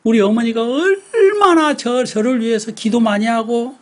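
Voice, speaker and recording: A man in his sixties from Namwon with a Jeolla dialect accent, a pastor preaching a Sunday sermon and telling his own testimony in an animated storytelling way. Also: high voice. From Namwon, South Korea. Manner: animated storyteller who acts out his own past outbursts.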